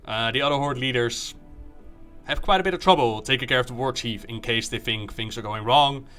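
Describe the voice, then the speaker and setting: Bright-voiced male game streamer. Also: medium pitch, a little fast, soft background music. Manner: joking, acts out dialogue. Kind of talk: live game commentary, recapping story and reading quest text aloud.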